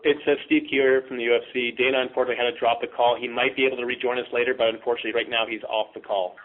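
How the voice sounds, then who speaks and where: A man's voice: mid-range voice, level tone, very fast. A man from the promotion, speaking on speakerphone over a conference call and apologizing to reporters. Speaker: promotion staff member on a press call. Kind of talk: brief announcement to reporters. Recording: tinny, distant phone line.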